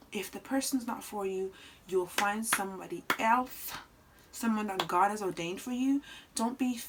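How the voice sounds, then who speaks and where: A woman in her twenties giving heartfelt advice in a casual vlog, earnest and animated, dropping to soft asides and rising to loud outbursts. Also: medium pitch, a little hiss or hum, poor audio. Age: 20s. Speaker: vlogger.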